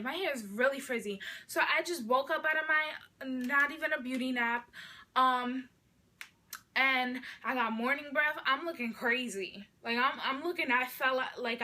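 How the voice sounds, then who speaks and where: High, bright-voiced woman, profane storyteller. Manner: profane, animated, dramatic storytelling. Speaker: vlogger telling a story. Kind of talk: casual storytime vlog.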